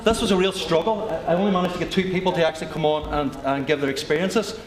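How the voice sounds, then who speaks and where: A Northern Irish teacher presents briefly to a teacher meetup, chatting and joking at his own expense in a fairly high, fairly even voice at a quick pace. The large lecture hall is echoey, he's recorded from a distance, and crowd noise can be heard.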